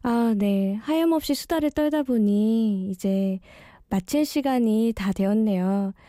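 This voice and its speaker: A woman's voice: fairly high pitch, slow, warm tone, no room sound, clean studio sound. A woman in her early thirties hosting late-night radio as an amateur guest DJ, bashful and sincere, with slightly slurred articulation from dental braces. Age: early 30s. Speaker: one-day guest radio DJ. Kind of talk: late-night radio talk, personal monologue.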